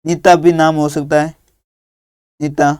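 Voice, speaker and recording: A man teaching young children through a workbook, dictating words slowly and patiently one at a time. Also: fairly high pitch, flat delivery, a little mellow, clear, resonant tone, no echo, studio quality.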